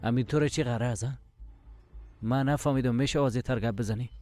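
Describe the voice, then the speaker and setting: An actor dubbing a hot-tempered young man who is defensive, confrontational and quick to anger. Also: medium pitch, fairly even intonation, a little mellow, faint music behind, close to an everyday voice. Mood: irritated. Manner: confrontational, repeats demands to speak plainly.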